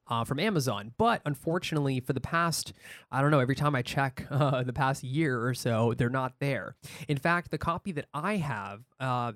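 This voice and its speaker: A man co-hosting a podcast, talking loosely with plenty of fillers and quick laughs. His voice sits in a middle pitch. The recording is close and dry. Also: fairly bright tone, dry recording. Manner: chatty, laughs often, frequent fillers and restarts. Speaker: podcast co-host. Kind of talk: casual podcast chat.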